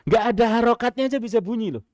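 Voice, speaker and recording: A man's voice: very high voice, quick pace, no room sound, studio quality. A man with a Javanese accent giving a radio sermon, telling stories with rhetorical questions and chuckles. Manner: animated, lively storytelling with rhetorical questions and chuckles. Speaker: Islamic preacher.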